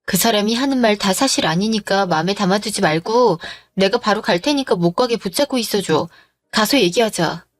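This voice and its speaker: A woman's voice: mid-range voice, lively intonation, brisk, no room sound, clean studio sound, lightly acted. A woman voicing a tired young wife who defends herself against her husband's jealous accusations, in a dramatized story. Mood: explaining. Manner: defensive, weary, pleading.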